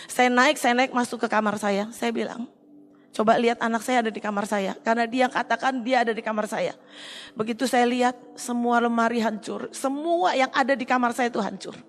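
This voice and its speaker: A middle-aged woman giving an earnest, halting personal testimony in church. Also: on the high side, fairly even intonation. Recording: long hall reverb.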